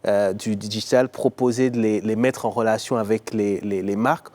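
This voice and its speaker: A man from Congo, raised in Belgium and Ivory Coast, speaking as an entrepreneur guest on a talk show in a measured, thoughtful way with frequent hesitations. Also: lowish voice, fairly even intonation, warm tone.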